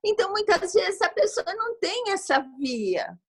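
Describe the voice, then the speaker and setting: A Brazilian Portuguese-accented woman giving advice as a guest expert over a video call, lively and speaking straight to her audience. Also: very high-pitched, normal speed. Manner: lively, addresses the audience directly and often. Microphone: video call microphone.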